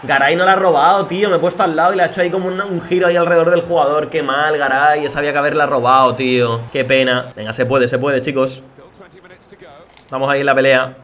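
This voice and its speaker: A young man from Spain commenting on his football video game as he plays, talking to viewers and reacting loudly to the match. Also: fairly high pitch, fast, a little hiss or hum. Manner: excitable, talks to viewers as chavales and familia, reacts loudly to plays. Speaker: gaming YouTuber. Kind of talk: live gameplay commentary.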